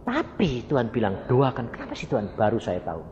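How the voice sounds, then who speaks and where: A man's voice: medium pitch, huge pitch swings, a little fast, darkish tone, slight background noise. A middle-aged man preaching a storytelling sermon, acting out dialogue and addressing the congregation directly. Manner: storytelling, acts out dialogue, addresses audience as brothers. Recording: dull reverberant hall recording.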